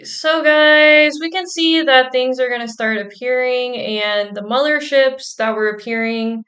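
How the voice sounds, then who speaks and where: A woman's voice: sits high, a little slow, a bit bright. A woman hosting a channel, giving breezy, conspiratorial commentary on clips, with fillers and trailing phrases. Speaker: host. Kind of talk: casual commentary on viewer clips.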